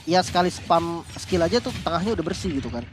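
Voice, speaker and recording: A man commentating as an esports caster, animated and informal, breaking down the play. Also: a little high, fast talker. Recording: music behind the voice.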